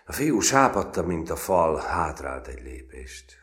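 A man reading a novel aloud as an expressive audiobook narrator. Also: very deep voice. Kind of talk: scripted narration.

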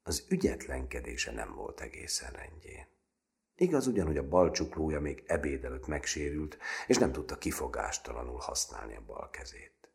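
Man, extremely deep voice, lively intonation, literary audiobook narration, measured. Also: vocal fry. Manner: measured and expressive, voices characters.

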